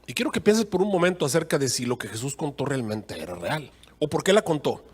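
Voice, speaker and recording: A man's voice: fairly high pitch, very animated, brisk, breathy edge. A man with a Mexican accent preaching a sermon as a pastor, in a folksy, joking, conversational way.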